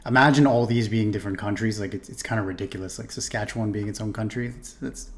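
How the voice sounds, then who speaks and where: A man's voice: fairly low pitch, fairly even intonation, fast talker, slight background noise. A young Canadian man chatting casually in a reaction video, making laughing asides and often repeating words, recorded in a small room on a desk mic. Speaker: reaction streamer.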